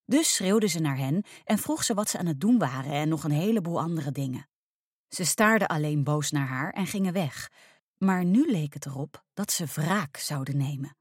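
Expressive woman reading a storybook. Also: sits low, moderate pace, slightly rough, no echo, studio quality. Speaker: reader. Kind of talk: storybook narration.

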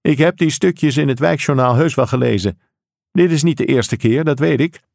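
A man voicing an enraged middle-aged father who shouts and swears at a policeman. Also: medium pitch, normal speed, gravelly, dry recording, clean studio sound, pitched above the performer's own voice, close to an everyday voice.

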